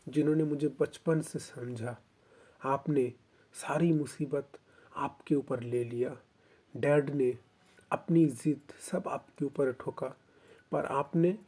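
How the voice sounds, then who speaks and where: A man's voice: a little high, warm tone, husky. A man voicing a young man who cries happy tears and pours out his love for his big brother, earnest and pleading.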